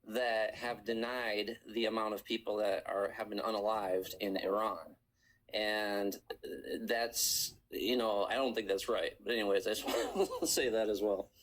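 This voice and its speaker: A man calling in to a live stream, talking in a rambling, halting way with many restarts. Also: lowish voice, rough recording. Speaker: caller. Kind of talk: casual call-in chat.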